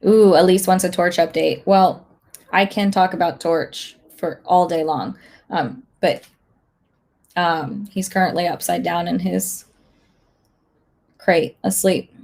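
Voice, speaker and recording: Slightly hoarse woman with a gravelly edge. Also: fairly low pitch, slow pace, pauses often. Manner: relaxed, thinking aloud with many fillers. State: slightly hoarse, losing her voice. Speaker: online instructor. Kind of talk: casual livestream chat.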